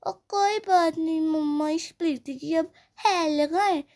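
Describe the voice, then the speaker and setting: A woman's voice: very high-pitched, measured pace, darkish tone. A woman voicing a young girl doll who loves candy, talking in a childish way with munching sounds, in a doll play story. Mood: eager.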